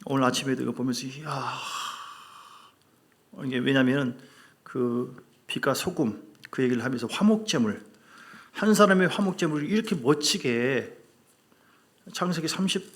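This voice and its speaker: A man's voice: medium pitch, moderate pace, pauses often. A male pastor preaching a sermon, talking to the congregation in a conversational way and asking them questions. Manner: animated, acts out quarrels in a loud put-on voice.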